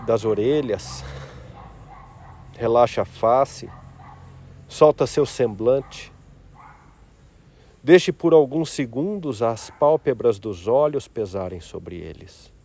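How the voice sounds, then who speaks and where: Slow, mellow-voiced man guiding meditation. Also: mid-range voice, expressive. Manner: slow, soft-spoken, reflective. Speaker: meditation guide. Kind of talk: guided meditation.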